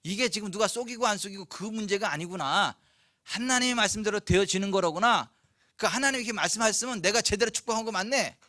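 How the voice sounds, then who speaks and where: A man with a fairly high voice preaching a sermon in a conversational way, often turning to the congregation with questions. He slows down and weighs his words when reading scripture. The sound is dry, with no room echo. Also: bright, forceful tone. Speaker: pastor.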